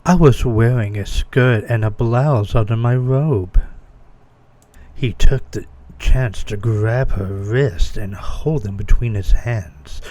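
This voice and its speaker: A man's voice: mid-range voice, warm tone. A man giving an amateur dramatic reading of fan fiction, with amused asides. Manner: breaks character with amused asides.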